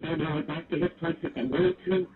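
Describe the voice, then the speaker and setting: A man's mumbled voice from an old playback, somewhat high in pitch. It comes through a narrow, phone-like sound. A faint hiss runs under it. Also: brisk. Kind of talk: played-back recorded talk.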